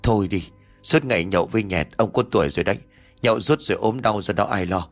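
A man's voice: lowish voice, quick pace, faint music behind. A man voicing a fretful, gossipy older village wife who nags her husband. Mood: nagging.

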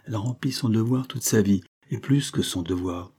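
A man reading and voicing a gruff old male guardian who speaks curtly and roughly. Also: lowish voice, normal speed, a little mellow. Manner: curt and rough.

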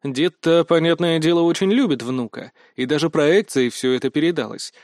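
A man's voice: a little high, normal speed, a little mellow, no echo. Man narrating an audiobook, dry close sound. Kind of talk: first-person audiobook narration.

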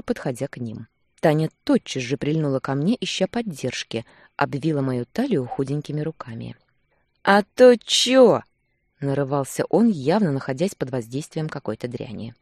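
Low-voiced woman narrating an audiobook. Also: breathy edge, dry recording, clean studio sound. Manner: expressive, first-person narration as a man. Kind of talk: scripted narration.

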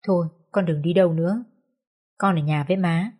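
A woman voicing a soft-hearted, grieving poor mother who speaks tenderly and pleads with her daughter. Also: on the low side, brisk, lightly acted. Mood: tender pleading.

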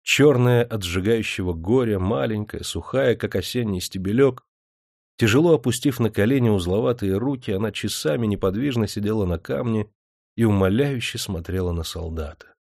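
A man reading a historical novel aloud in steady audiobook narration. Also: lowish voice, moderate pace, gravelly, dry recording, studio quality.

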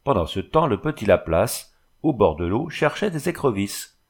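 Low-voiced man reading a story aloud. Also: big pitch swings, moderate pace, slightly rough. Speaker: narrator.

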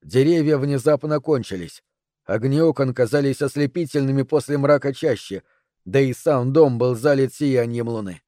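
A man narrating an audiobook in a steady, even reading voice. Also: medium pitch, normal speed, no echo, studio quality.

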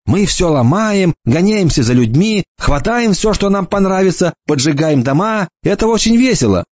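A man's voice: sits high, sing-song, normal speed, darkish tone, no room sound, muffled recording, voice pushed up. A man voicing a sly, grumpy teenage boy who mocks and bosses the others, in an audiobook reading. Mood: scheming. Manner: mocking, bossy.

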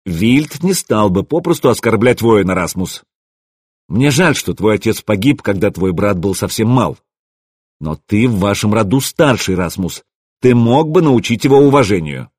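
A man's voice: lowish voice, lively intonation, moderate pace, a little mellow, slightly rough, no room sound, studio quality. A man voicing a dispassionate Viking chieftain who judges a dispute, in an audiobook. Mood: stern. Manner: dispassionate, stern.

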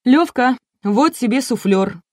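A woman's voice: on the high side, expressive, slow, dry recording, studio quality, pitched above the performer's own voice. A woman voicing an irritable, bossy female TV producer in an audiobook, snapping out orders. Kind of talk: audiobook reading.

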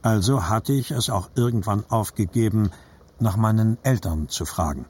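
An actor reads literary narration as a reflective adult recalling his boyhood. His voice is measured and husky, sitting on the low side with a darkish tone.

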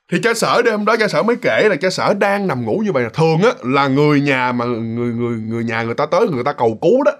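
Man; casual, rambling ghost-story narrator. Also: sits high. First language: Vietnamese. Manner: chatty, many fillers and restarts.

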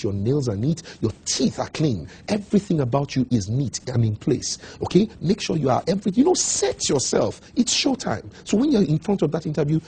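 A man delivers a coaching talk in a very husky voice with a dark, mellow tone. He is emphatic and drives his points home by repeating them. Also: medium pitch. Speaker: motivational speaker.

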